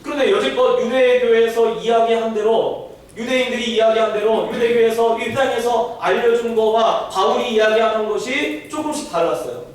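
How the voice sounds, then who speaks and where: High-voiced pastor preaching in an echoey hall. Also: male voice, normal speed. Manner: storytelling, rhetorical questions, animated. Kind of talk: sermon. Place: church sanctuary. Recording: echoey hall, distant mic, faint noise.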